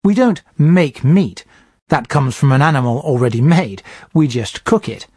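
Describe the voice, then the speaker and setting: Man, English teacher, slightly husky, lively delivery, dry close sound. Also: mid-range voice, dry recording. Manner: clear, measured explaining. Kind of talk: scripted language lesson.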